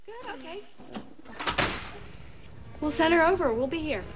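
An actress playing a caring older grandmother, gentle and motherly in manner. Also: high voice, animated, a little slow, over music. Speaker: film character.

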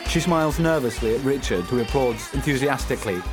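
A man's voice: medium pitch, expressive, brisk. Male film describer over music. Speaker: audio description narrator. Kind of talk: scripted present-tense film description.

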